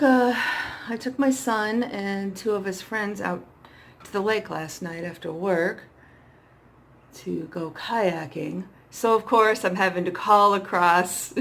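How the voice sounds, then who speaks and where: Chatting playfully to herself as she demonstrates makeup, a middle-aged vlogger with a hoarse voice often pokes fun at herself in this casual tutorial. Her pitch is medium and her tone bright and forceful. The setting is a small indoor space with a dark backdrop.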